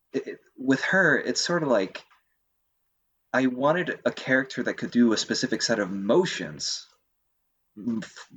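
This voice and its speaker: A man's voice: mid-range voice, a bit bright, highs cut off. A man chatting casually on a podcast, hesitant, with many fillers and restarts. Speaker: co-host.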